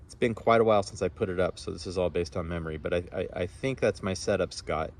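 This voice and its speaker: Out on a front lawn, a man who is an amateur radio operator chats casually, rambling as he explains technical things. He has a deep voice and talks fast.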